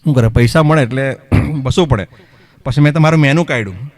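A man's voice: medium pitch, brisk, darkish tone. A male mimicry comedian telling comic stories and often asking the audience questions. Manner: chatty, asks the audience questions. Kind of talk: comic storytelling performance.

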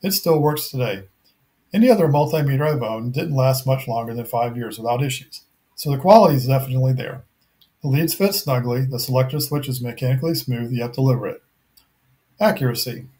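A middle-aged man with a warm, medium-pitched voice narrates a scripted technical product review. His delivery is measured, methodical and matter-of-fact.

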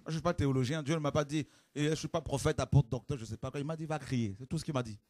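A man preaching a fiery sermon to a congregation, with shouted exclamations and rhetorical questions. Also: a little high, rapid-fire, no echo.

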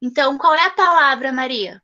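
A woman's voice: sits high, a little fast, bright, forceful tone, lo-fi sound. A woman teaching a class of young children over a video call, affectionate and coaxing, stretching out syllables. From southern Brazil. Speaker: primary school teacher.

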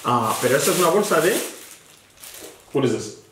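A man's voice: on the high side, lively intonation, moderate pace. A man teaching a child English vocabulary in a patient, bilingual one-on-one lesson, switching between English and Spanish and spelling words out letter by letter. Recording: echoey room with background noise.

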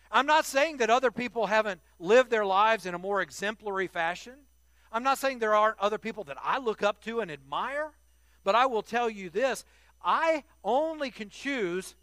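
A man's voice: high voice, pushed and bright, no room sound. An older man preaching a sermon to his congregation, earnest and emphatic, often repeating words as he restarts a phrase.

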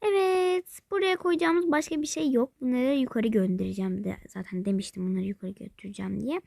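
A woman talks her viewers through a mobile game in a casual, rambling way, thinking aloud and calling them by pet names. Her voice sits a little high and often sinks into a whisper. The sound is dry and close, with no room echo. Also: brisk, creaky, a little mellow. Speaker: game vlogger. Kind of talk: casual play-along narration of a mobile game.

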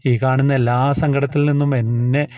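Comforting old grandmother goddess, as a male narrator puts her on, slow, soothing, mid-pitched, even tone. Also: far from the mic, highs cut off, close to an everyday voice.

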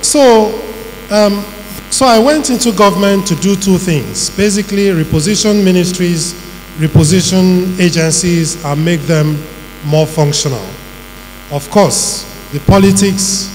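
A middle-aged man with a Nigerian accent giving a measured, emphatic public talk and listing his points one by one. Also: high voice, a little mellow. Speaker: panel speaker on governance. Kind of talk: public talk answering questions. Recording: reverberant hall with faint hum.

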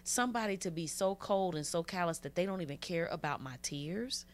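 A woman's voice: on the low side, expressive, a little fast. A woman guest in an interview, telling her own story in an earnest, heartfelt way and repeating phrases for emphasis. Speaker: interview guest, abuse survivor. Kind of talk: personal testimony in an interview.

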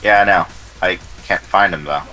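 A man's voice: low-pitched, moderate pace, bright, forceful tone, soft background music, low-quality recording. A young man co-hosting a casual gaming session, joking and self-deprecating. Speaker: gaming channel co-host.

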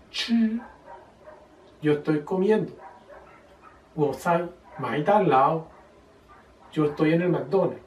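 A man teaching a casual video lesson who slowly explains grammar and spells out example phrases. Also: a little high, dark tone, slight background noise. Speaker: Chinese teacher. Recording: echoey room, voice a bit far from the mic.

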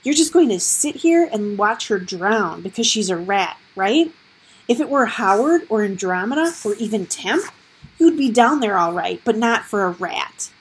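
A woman's voice: a little high, lively intonation, normal speed, vocal fry, few pauses, husky, voice pushed up, full character voice. A woman voicing an anxious, stubborn young boy with an urgent, pleading way of talking. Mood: bitter.

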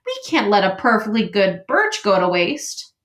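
No-nonsense beaver wife, read by a woman, brisk and practical, roomy echo. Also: mid-range voice, big pitch swings, a bit bright.

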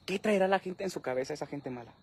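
A man's voice: fairly high pitch, animated, fast, darkish tone, husky. A man, filming himself outdoors at night on a phone held at arm's length, complaining in an aggrieved, repetitive way. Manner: aggrieved, repetitive, talks to his dog. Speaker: social media creator. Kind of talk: selfie video rant.

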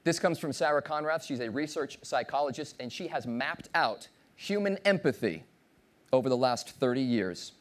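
Animated man giving a lively keynote. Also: medium pitch, normal speed. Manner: animated, playful, audience-engaging, acts out voices. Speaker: keynote speaker. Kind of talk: motivational keynote speech. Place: large conference stage with audience.

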